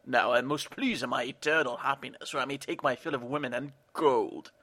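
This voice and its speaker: A man's voice: mid-range voice, a little fast, pushed and bright. A man voicing a greedy, gloating male villain in a hobby audio drama, sneering and pompous.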